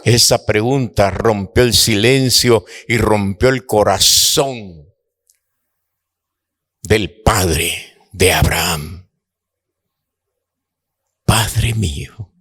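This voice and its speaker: A man preaching a sermon to his congregation, slow and dramatic, rising to impassioned outbursts. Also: on the low side, a bit bright, slightly rough. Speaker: apostle, preacher.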